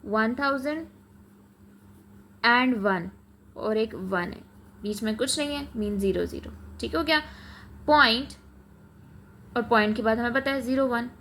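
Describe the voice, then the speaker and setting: A woman's voice: on the high side, measured pace, long pauses, a bit bright, slight background noise. A woman math teacher, explaining a lesson step by step in a patient classroom manner, mixing English terms in. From Pakistan.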